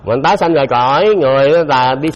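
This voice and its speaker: A man's voice: medium pitch, a little fast. A man giving a Buddhist dharma talk, speaking conversationally and often putting questions to his listeners. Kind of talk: dharma talk to a live audience. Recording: dull lo-fi recording in a reverberant hall.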